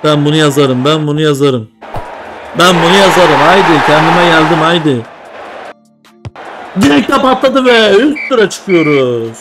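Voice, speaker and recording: A man's voice: on the high side, expressive, normal speed, pauses often, music in the background. A young man commentating a mobile football game, groaning at setbacks and cheering at goals as he talks to himself. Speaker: gaming video creator. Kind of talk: excited gameplay commentary.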